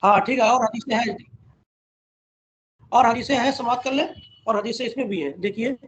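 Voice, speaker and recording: A man with a strikingly high voice leads an online lesson on a classical hadith text. He recites long Arabic narrator chains and then explains them plainly. He keeps pausing to ask his listeners what a point means before he answers it himself. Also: a little hiss or hum. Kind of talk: religious lesson, reading Arabic and explaining in Urdu. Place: online class over a call.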